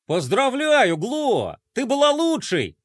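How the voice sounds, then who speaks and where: An always-cheerful young boy hero full of enthusiasm, as a man reads him out. His voice is lifted and lively. The recording is dry and close. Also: extremely high pitch, takes it slowly, no echo, pitched above the performer's own voice, heavily acted. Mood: cheering. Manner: upbeat, enthusiastic.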